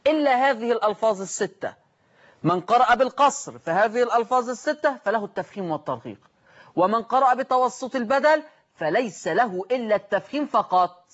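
A man's voice: high-pitched, muffled recording. A man teaching a Quran recitation lesson, asking the class questions and answering them himself. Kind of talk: tajweed lesson.

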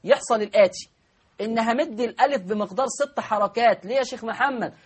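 A man with an Egyptian accent teaching Quran recitation rules, drawing out example words slowly and asking his class questions. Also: very high-pitched, slightly rough. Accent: Egyptian Arabic. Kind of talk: spoken lesson on recitation rules.

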